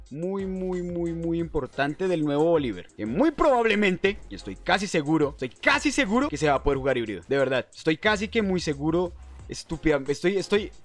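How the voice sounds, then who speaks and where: A young man with a Colombian Spanish accent giving casual, slangy, playful commentary as a gaming streamer, speaking close to a desk mic. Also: fairly high pitch. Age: young adult. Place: indoor room at a desk. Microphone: desktop microphone close in front.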